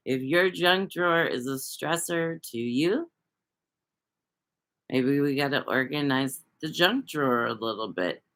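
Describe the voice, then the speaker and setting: A woman's voice: low-pitched, a bit bright. A woman hosting a casual livestream, talking loosely to viewers, rambling and swearing freely. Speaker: livestream host reading viewer chat.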